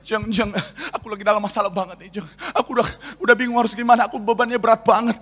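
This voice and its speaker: A man's voice: sits high, fairly even intonation, quick pace, fairly bright tone. A preacher putting on a whiny gossipy city woman. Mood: complaining. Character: gossipy young city woman confiding in a friend. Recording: long church-hall reverb.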